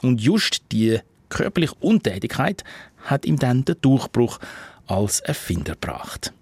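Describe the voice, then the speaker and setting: A man introducing a report in a lively, expressive reading. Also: medium pitch, measured pace, slightly rough, dry recording. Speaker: presenter.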